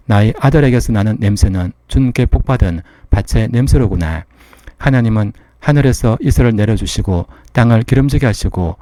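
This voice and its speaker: Guy reading bible chapter aloud, low mellow voice, dry close sound, even and measured. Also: dry recording. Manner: even, measured reading of all parts without acting voices. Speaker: Bible reader. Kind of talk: steady scripture reading.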